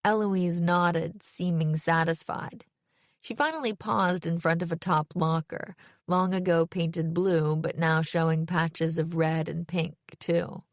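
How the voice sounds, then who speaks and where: A woman reads a first-person audiobook with a wry, self-aware touch. Her voice sits on the low side for a woman. The sound is dry and close, from a studio mic. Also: steady tone, slow, dry recording. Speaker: audiobook narrator.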